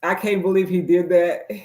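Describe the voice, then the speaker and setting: A man's voice: sits high, darkish tone. A man reacting in a casual chat, laughing in disbelief. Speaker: guest. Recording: echoey room, faint noise.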